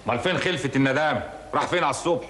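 An actor playing a stubborn, grumpy widowed village father with an Egyptian accent, talking gruffly and scolding. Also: mid-range voice, racing, a bit bright, a little hiss or hum, close to an everyday voice. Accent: Egyptian Arabic. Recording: roomy with long reverb.

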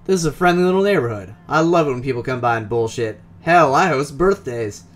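A man's voice: medium pitch, expressive, fairly quick, natural voice. A man voicing a cheerful, boastful cyber-doctor in his forties with a loose Midwestern accent, read from a game's text. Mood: jovial. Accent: loose Midwestern US (put on). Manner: jovial, boastful, rambling.

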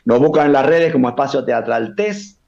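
A man's voice: medium pitch, expressive, normal speed, vocal fry, darkish tone, muffled recording. A middle-aged Argentine man, a puppeteer and cultural manager, chatting enthusiastically as a guest on a TV interview. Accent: Argentine Spanish. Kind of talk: TV interview, promoting a festival.

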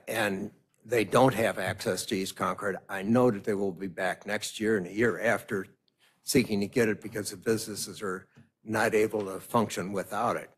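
An older man giving a measured public comment at a hearing on a webcam from a home office, hesitating often. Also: lowish voice, breathy edge. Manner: measured, hesitant with many fillers. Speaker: resident speaking at public hearing. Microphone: video call webcam.

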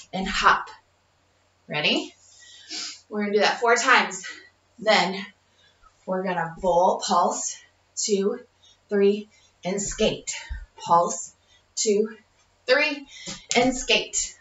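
A woman's voice: medium pitch, fairly bright tone, a little hiss or hum. Breathless woman counting home workout reps. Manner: counts reps aloud, encouraging, laughs between cues. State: short of breath. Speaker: fitness instructor. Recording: dull, roomy audio from a distant camera.

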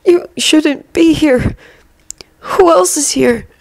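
Lady doing a hurt worn-out professor guy, slow n pained, sighing, voice pitched up, storybook drama. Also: warm tone, no echo, full character voice. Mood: weak, pained. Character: injured, exhausted male professor, weakly protective.

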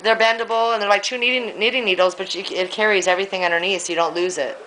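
A woman's voice: mid-range voice, fairly even intonation, fast talker, fairly bright tone, slight background noise, rough recording. Chatty woman in her forties behind the camera. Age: 40s. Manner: chatty, explaining, coaxing. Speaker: granddaughter filming the visit. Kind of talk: casual family chat. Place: hospital room. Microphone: handheld camera she holds.

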